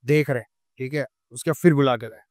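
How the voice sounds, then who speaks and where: A young man with a Delhi Hindi accent telling a true ghost story on a podcast, animated and acting out the scenes. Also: mid-range voice, fast, no echo, clean studio sound. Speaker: podcast guest.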